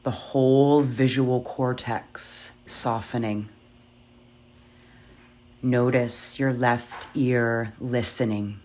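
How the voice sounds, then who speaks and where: A yoga nidra guide with a mid-pitched voice speaks very slowly and softly. The delivery is soothing and measured, leaving long pauses between short phrases. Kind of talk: guided meditation.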